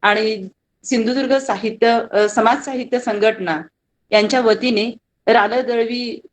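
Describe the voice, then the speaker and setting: A woman giving a formal, measured vote of thanks at a poetry event. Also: a little high, fairly even intonation, low-quality recording. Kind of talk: formal speech.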